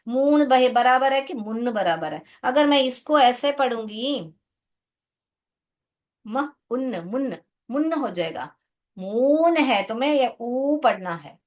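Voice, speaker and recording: A woman's voice: sits high, lively intonation, a little slow. A woman teacher explaining an English lesson to her class, patiently sounding out words and asking her students questions. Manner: patient, calls students "beta", asks checking questions.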